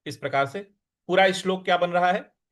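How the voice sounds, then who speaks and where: In a Sanskrit recitation lesson, a man with a high, fairly bright voice teaches how to pronounce verse. He drills slowly, syllable by syllable, splitting words apart and chanting the lines in a sung tone.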